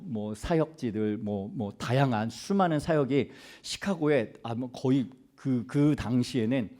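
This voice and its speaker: A missionary preacher with a medium-pitched, mellow voice tells a story in a conversational sermon. He's chatty, with many fillers and restarts, and makes asides to his listeners.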